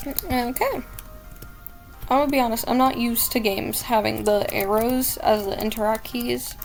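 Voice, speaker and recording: A woman's voice: a little high, measured pace, gravelly, soft background music, low-quality recording. Chatty young woman playing a game. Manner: chatty, self-mocking, giggly asides. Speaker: gaming streamer. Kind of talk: casual let's play commentary.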